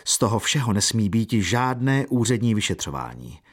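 A man's voice: on the low side, very animated. A man doing a stern commanding colonel. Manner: firm, commanding.

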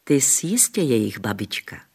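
A gracious princess, as a male reader puts her on, courteous and gently questioning. The tone is gravelly and slightly husky. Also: mid-range voice, sing-song, heavily acted. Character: gracious noble lady, a princess on horseback.

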